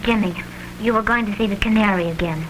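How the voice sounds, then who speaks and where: A woman's voice: mid-range voice, fast talker, natural voice. An actress in an early talkie film playing an anxious, devoted young showgirl sweetheart with a melodramatic delivery, on a crackly, humming soundtrack.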